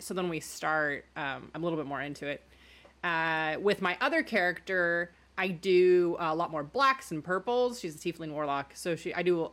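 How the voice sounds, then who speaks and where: A woman's voice: on the low side, a bit bright. A woman chatting casually about getting into character for tabletop games, friendly and using many fillers. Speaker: tabletop game player. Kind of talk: casual chat.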